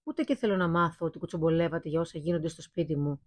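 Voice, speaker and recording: A woman voicing a burly, rude male blacksmith who shouts insults at his guests. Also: sits low, no echo. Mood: gruff.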